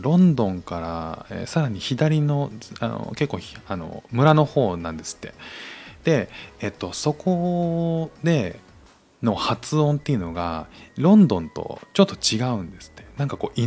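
A man's voice: mid-range voice, a little mellow. A man hosting a casual podcast monologue, talking with lots of fillers and restarts. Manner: hesitant, many fillers and restarts. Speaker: podcast host.

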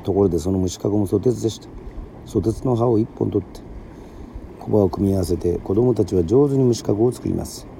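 A man from Yoron Island, a musician and podcast host, reading a children's story aloud in a steady storytelling manner. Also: fairly low pitch, fast, vocal fry, slight background noise. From Yoron Island, Japan. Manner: steady storytelling with casual asides.

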